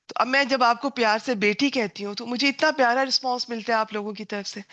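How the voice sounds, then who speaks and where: Bright-voiced woman teacher giving a class. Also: a little high, no echo, muffled recording. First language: Punjabi. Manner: warm, earnest, digressive teacherly talk with English words mixed in. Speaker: Quran and Arabic grammar teacher. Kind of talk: online class lecture.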